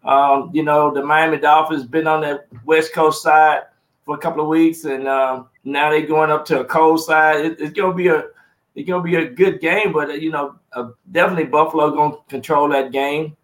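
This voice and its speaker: A man talks football in a loose, rambling way, circling back and repeating words as he works toward his point. His voice sits a little high for a man. The room around him rings with echo. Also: level tone, normal speed, fairly bright tone. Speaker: sports talk co-host. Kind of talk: casual sports talk.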